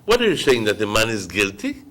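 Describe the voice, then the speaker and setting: A man's voice: fairly low pitch, huge pitch swings, brisk, a bit bright. A man with a Belizean Creole accent hosting an impassioned political talk show, indignant and emphatic, repeating phrases for stress. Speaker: morning show host.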